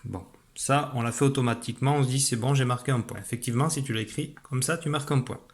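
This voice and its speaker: Patient male teacher explaining phonics. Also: medium pitch. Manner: patient, clear, slow demonstrating to a child. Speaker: primary school teacher. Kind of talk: online phonics lesson.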